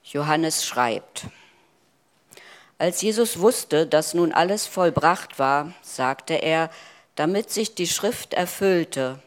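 A man preaching a sermon in a solemn, measured way with dramatic pauses. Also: on the high side, expressive.

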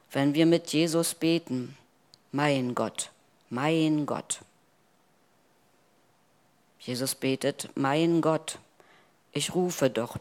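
A man preaching a sermon in a solemn, measured way with dramatic pauses. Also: medium pitch.

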